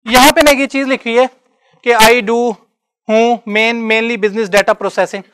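A man's voice: very high voice, steady tone, takes it slowly, noisy background. Male lecturer, chatty classroom teaching. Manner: conversational, checks understanding often. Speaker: university lecturer. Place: classroom with students.

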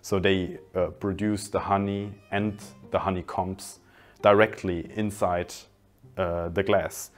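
A man in his twenties, an industrial designer, calmly explaining his project in a documentary interview with a few restarts. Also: sits low, slow, faint music behind. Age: 20s. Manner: calm, explanatory, some restarts. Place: indoor hallway by large windows.

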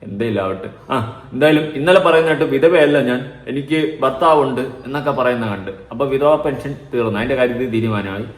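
A man's voice: mid-range voice, fast. A man giving mocking, sarcastic commentary in a vlog. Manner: sarcastic, mocking, mimics crying voices. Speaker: vlogger. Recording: echoey room.

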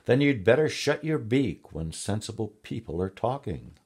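Brief: haughty storybook cat, done by a man, snappish and scornful, low husky tone. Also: big pitch swings, normal speed, a little mellow, heavily acted. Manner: snapping and condescending.

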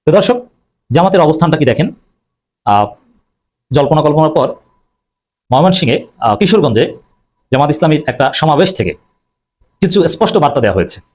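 Fast-talking emphatic male political commentator. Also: on the high side, very animated, darkish tone. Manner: emphatic, repetitive, combative; fillers and self-corrections.

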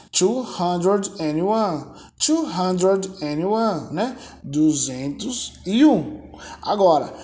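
A man's voice: high-pitched, dark tone. A man teaching an online English lesson, patiently drilling numbers by repetition and often checking in with tag questions.

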